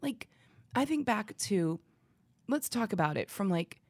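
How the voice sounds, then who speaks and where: A woman's voice: mid-range voice, sing-song, unhurried, darkish tone, no room sound. A woman co-hosting a casual podcast chat, confident and talking in long runs, with easy laughter. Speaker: podcast co-host.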